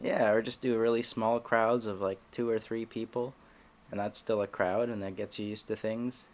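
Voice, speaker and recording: Podcast host guy, kinda low voice, lots of restarts, giggly and casual. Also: fairly even intonation. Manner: halting, many restarts, giggly. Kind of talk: casual chat.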